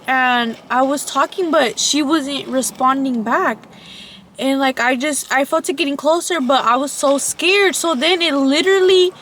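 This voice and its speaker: A woman's voice: sits high, fairly bright tone, slight background noise. A young woman in casual chat, telling a scary story in a rambling way and correcting herself as she goes. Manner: rambling, restarts and corrects herself, laughs at her own telling. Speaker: co-host.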